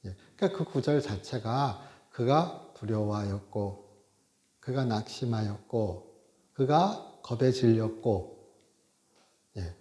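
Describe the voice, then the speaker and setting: In an echoey church sanctuary, a male pastor with a lowish voice preaches conversationally, frequently dropping in a quick "yes". He's animated, at times acting out God scolding in a raised voice that builds in force.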